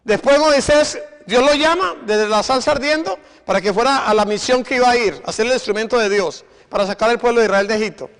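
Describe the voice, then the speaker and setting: A man's voice: very high voice, fairly quick, few pauses, a bit bright. A male preacher giving a sermon, exhorting his congregation and firing rhetorical questions at them. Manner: exhorting, repeats "imagine". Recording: long reverb of a hall.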